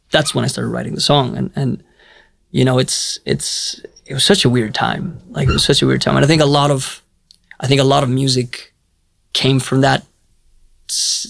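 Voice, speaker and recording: Gravelly young man, reflective. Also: mid-range voice, a bit bright, no echo. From Iceland. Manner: hesitant, restarts often, reflective. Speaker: musician guest. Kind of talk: casual interview talk.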